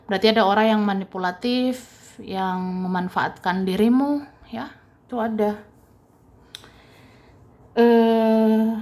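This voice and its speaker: Slow-talking woman doing a tarot reading. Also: medium pitch. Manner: chatty, repeats herself, ends phrases with soft tag words; light laughs between points. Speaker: tarot reader. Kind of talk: casual tarot reading monologue.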